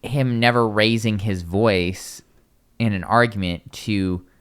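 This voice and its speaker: A man hosting a casual podcast, rambling with quick asides and restarts. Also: lowish voice, fairly even intonation, fairly bright tone, clear, resonant tone. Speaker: podcast host.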